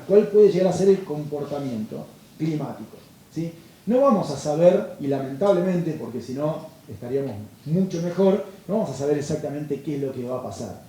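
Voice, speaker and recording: A man's voice: on the high side, mellow. A man, a meteorologist giving a lecture, explaining patiently and checking in with listeners. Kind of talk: lecture to farmers. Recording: echoey hall, distant mic.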